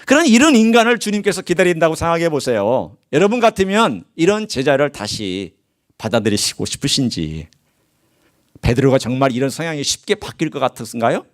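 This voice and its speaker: Male pastor, sermon delivery, very expressive pitch, reads scripture and asks the congregation questions. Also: a little fast. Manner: reads scripture aloud in formal biblical diction. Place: church sanctuary.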